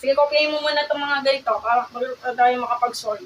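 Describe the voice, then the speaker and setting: A high-pitched woman with a Filipino accent teaches math in a loud, emphatic voice, often checking whether her students follow. She is picked up by a phone set a little way off, with a faint hum of room noise behind her. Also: steady tone, brisk, distant mic, rough recording. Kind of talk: live-streamed math lesson.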